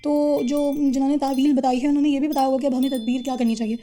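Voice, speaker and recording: High-voiced woman telling a religious story. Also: level tone, warm tone, slight background noise. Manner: conversational, retells scenes in simple words with fillers. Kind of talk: casual narration of a religious story.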